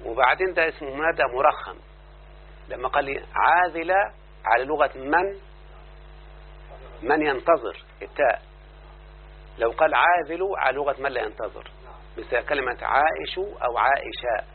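An Egyptian man leads a classroom grammar lesson, walking through each rule and pausing often to check with his listeners. His voice sits in a middle register. The recording is thin and phone-like, with a faint hum underneath. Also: medium pitch. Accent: Egyptian Arabic. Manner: explains then checks the class with repeated questions. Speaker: teacher of Arabic grammar.

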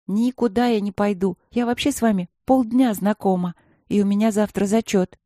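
A woman's voice: mid-range voice, fairly even intonation, moderate pace, warm tone, no echo, clean studio sound, pitched above the performer's own voice, close to an everyday voice. A woman voicing a stubborn, sulky young female student in an audiobook, speaking in an indignant, pouting way.

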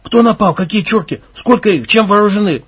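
A man voicing a hot-tempered young village gang leader who barks, mocks and shouts. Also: high voice, brisk, slightly rough, voice pushed up, exaggerated voice. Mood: commanding. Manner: angry, mocking, shouting, coarse.

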